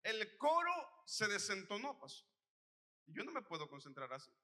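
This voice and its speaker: A man's voice: sits high, huge pitch swings, moderate pace, bright, forceful tone, in a large hall, pitched above the performer's own voice, exaggerated voice. A man voicing a cocky young male churchgoer who complains in a raised, whiny voice. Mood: complaining.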